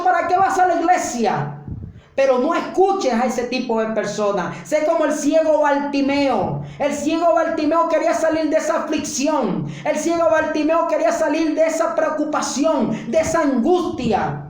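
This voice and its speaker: A woman preaching a fervent sermon, driving her points home with rhythmic, repeated phrases. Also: high voice. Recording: very echoey room.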